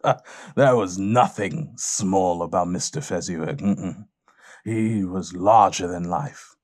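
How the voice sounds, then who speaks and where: An actor playing Scrooge, an older gentleman reliving his past, with a theatrical, emotional manner in an audio play. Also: sits low, takes it slowly. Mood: wistful. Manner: theatrical, repeats himself, exclaiming.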